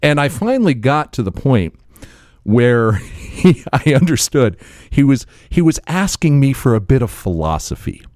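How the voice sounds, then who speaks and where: A man co-hosting a podcast, telling a story in a rambling, animated way during casual chat. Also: mid-range voice, unhurried, no room sound, clean studio sound. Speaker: podcast co-host.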